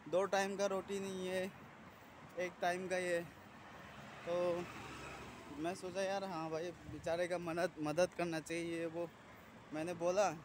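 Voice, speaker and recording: A man in his thirties talks casually into a phone held at arm's length while he walks a sunny city street, rambling and clearing his throat now and then. His voice sits fairly high for a man. Traffic noise runs clearly underneath. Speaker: vlogger. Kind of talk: casual walking vlog. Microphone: phone camera held at arm's length. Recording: noisy street traffic outdoors. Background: passing traffic.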